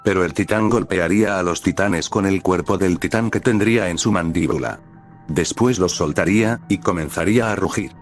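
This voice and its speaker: A man reading his own fan fiction aloud as storyteller, in a plain, even way. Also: sits low, normal speed, soft background music.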